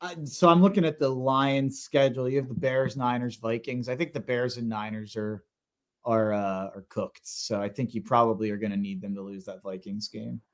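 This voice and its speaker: A man co-hosting a live sports stream who talks in a rambling, animated way and says "like" a lot. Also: mid-range voice, normal speed. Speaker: co-host. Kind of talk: casual sports chat.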